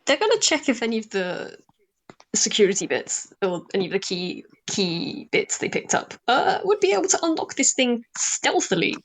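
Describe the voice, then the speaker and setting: A woman's voice: on the high side, big pitch swings, normal speed. Casual woman narrating a tabletop game.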